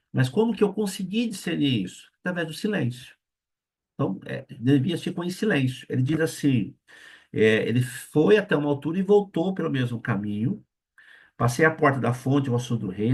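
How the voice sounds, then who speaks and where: Husky Brazilian man preaching a sermon. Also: medium pitch. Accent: Brazilian Portuguese. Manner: acts out the voices of the people in his story. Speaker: pastor. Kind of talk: sermon with a retold story.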